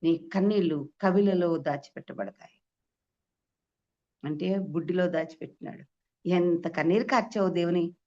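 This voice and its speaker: Woman preaching to a ladies meeting, low gravelly voice, keeps firing questions, dull muffled recording. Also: moderate pace, pauses often, darkish tone. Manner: emphatic, rhetorical questions, sudden high exclamations. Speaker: preacher at a women's fellowship meeting. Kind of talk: Easter sermon, personal testimony.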